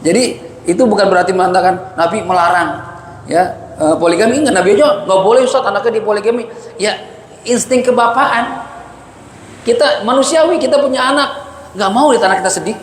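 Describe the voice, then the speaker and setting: A man's voice: high-pitched, a little fast. A male religious teacher giving a chatty, colloquial lecture that mixes Arabic citations with casual slang and light chuckles. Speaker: ustadz teaching a mosque study session. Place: mosque hall. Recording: echoey mosque hall, faint background hiss.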